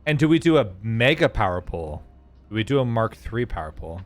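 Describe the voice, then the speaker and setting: A man's voice: lowish voice, very animated, fairly quick, soft background music. A man chatting casually with his viewers during a live game stream, rambling and thinking aloud as he plays. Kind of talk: casual live-stream chat while gaming.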